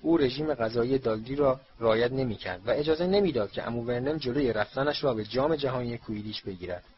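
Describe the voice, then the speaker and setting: Man reading a storybook aloud. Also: mid-range voice. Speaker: audiobook narrator. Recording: slightly dull with faint hiss.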